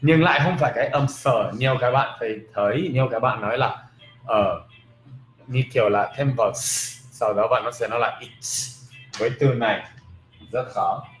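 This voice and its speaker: Guy teaching english pronunciation, lively and repeats words slow, roomy echo. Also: mid-range voice. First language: not Vietnamese. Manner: lively, repeats example words slowly and emphatically. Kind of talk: casual video lesson in Vietnamese with English examples. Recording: roomy with faint background noise.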